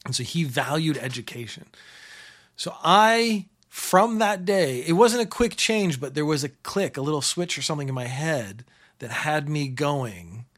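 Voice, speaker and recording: A man's voice: on the high side, expressive, a little slow, fairly bright tone. A middle-aged man hosting a show, casually telling a rambling story and repeating phrases for comic effect.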